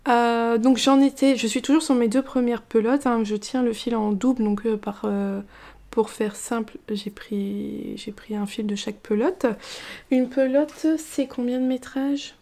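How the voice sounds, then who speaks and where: A relaxed woman talks through her knitting in a chatty vlog. Her voice is mellow and somewhat high, and she meanders with fillers and restarts in an easy, unhurried way. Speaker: knitting vlogger. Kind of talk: casual chat.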